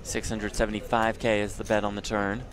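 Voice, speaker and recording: A man's voice: fairly low pitch, little pitch movement, fairly quick, crowd noise. A man calling tournament poker play by play, reporting each bet and card as it comes.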